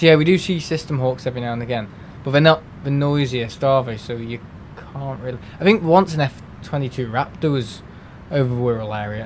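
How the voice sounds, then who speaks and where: An English livestream host with a Merseyside accent chats casually with live viewers, rambling with lots of fillers and restarts. His voice is medium-pitched with a darkish tone, and there's a little hiss or hum.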